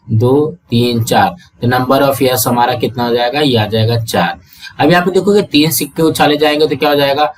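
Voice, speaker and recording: A man's voice: medium pitch, fairly bright tone, distant mic. A man with an Indian Hindi accent teaching a math lesson, asking the class rhetorical questions and counting through items one by one. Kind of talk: classroom lesson explaining worked examples.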